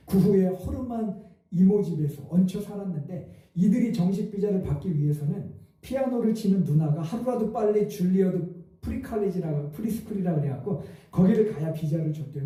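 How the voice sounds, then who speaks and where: Pastor, male, storytelling sermon; mellow, higher voice heard from a distance in a reverberant church. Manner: storytelling, acts out quoted voices with rising emotion. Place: church sanctuary. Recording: echoey hall, mic at a distance.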